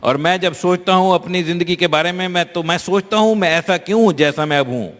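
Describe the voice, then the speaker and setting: A man interprets a speech live in a large hall, fluent and conversational, with small restarts. His voice is high for a man, and the reverb hangs after each phrase. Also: brisk, a bit bright.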